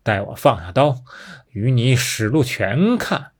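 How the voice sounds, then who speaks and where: A man's voice: mid-range voice, very animated, takes it slowly, slightly rough, exaggerated voice. A man voicing a huge, fierce male demon king who speaks with arrogant scorn. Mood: scornful.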